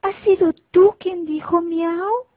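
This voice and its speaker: A woman's voice: very high-pitched, steady tone, slow pace, dry recording, voice pushed up. A woman voicing a curious, eager little puppy boy who asks earnest questions, in a storybook reading. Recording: tinny phone-like recording.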